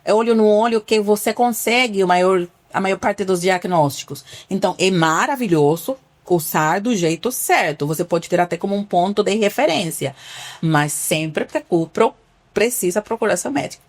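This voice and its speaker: A family doctor from Cuba, speaking with a Cuban Spanish accent, is interviewed on a podcast. Her mid-range voice has lively intonation and a moderate pace. She is earnest, explaining with patient examples and occasionally restarting sentences.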